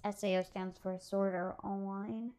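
A child or young teen hosts an amateur solo podcast, rambling casually with some hesitation and self-deprecation. The voice is medium-pitched and darkish, fairly flat in intonation and a little slow. It's recorded on an amateur mic, with a blanket serving as a makeshift sound booth.

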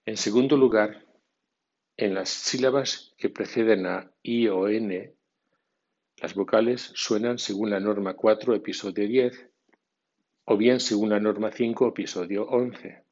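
Slow, gravelly male language teacher. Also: fairly low pitch, fairly even intonation, a little mellow, muffled recording. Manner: slow, deliberate reading of word lists and rules. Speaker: English pronunciation teacher. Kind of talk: scripted pronunciation lesson podcast.

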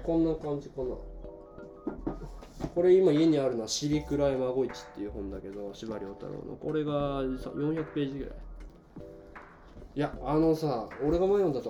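Male podcast host, medium pitch, very animated, colloquial banter. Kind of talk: casual chat. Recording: music playing behind. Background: background music.

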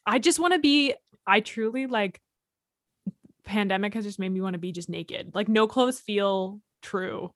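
A woman's voice: mid-range voice, measured pace, no room sound, studio quality. A woman co-hosting a casual podcast chat, rambling with many fillers and laughing often. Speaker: podcast co-host.

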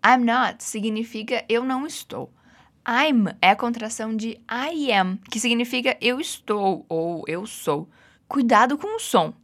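Brazilian-accented woman English teacher; patient, encouraging, animated pitch. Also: measured pace. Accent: Brazilian Portuguese. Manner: patient, encouraging, drills repeats. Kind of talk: guided language lesson.

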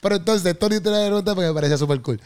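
Male host, casual and chatty, slightly high voice, lots of slang and restarts. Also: rapid-fire, smooth. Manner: chatty and animated, full of restarts, "loco" and "papi". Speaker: host, interviewer. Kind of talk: casual chat.

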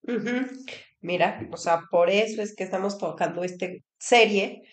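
A woman's voice: mid-range voice, moderate pace. Welcoming woman host. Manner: welcoming, guiding the talk. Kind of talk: casual faith-based chat.

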